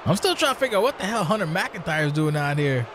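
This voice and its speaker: Highish-voiced man doing casual wrestling commentary. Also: very animated, noisy background. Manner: casual, salty, halting phrasing. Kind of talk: conversational color commentary.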